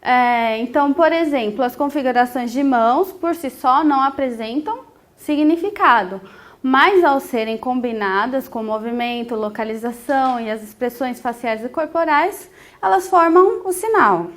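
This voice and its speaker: A woman teaching a sign language lesson, explaining each point patiently and filling pauses with short hesitations. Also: high voice. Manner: patient, explanatory, with frequent 'é' fillers.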